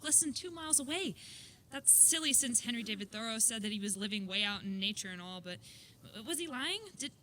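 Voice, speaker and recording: A woman playing an eager, curious nine-year-old girl in a staged concert reading of a musical, asking quick questions. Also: a little high, bright, forceful tone, a little hiss or hum.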